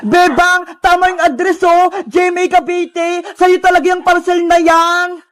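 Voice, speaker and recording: A woman's voice: extremely high pitch, steady tone, measured pace. A woman voicing a kind adult delivery rider who talks in a friendly, reassuring way.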